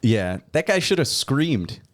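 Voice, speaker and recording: A man's voice: medium pitch, big pitch swings, a little slow. A man co-hosting a podcast in casual chat, who keeps chiming in with agreeing yeahs. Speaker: podcast co-host.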